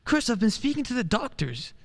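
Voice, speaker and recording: Woman playing earnest, animated male lawyer. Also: a little high, brisk, creaky, full character voice. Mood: concerned, pleading. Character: earnest, well-meaning male lawyer, loyal friend. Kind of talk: radio play acting. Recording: echoey hall.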